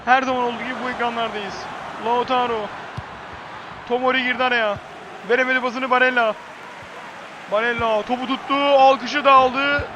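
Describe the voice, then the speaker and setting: Screaming high-pitched male football commentator. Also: normal speed, pauses often, noisy background. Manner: excitable, screams player names at big moments. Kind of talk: live football play-by-play commentary.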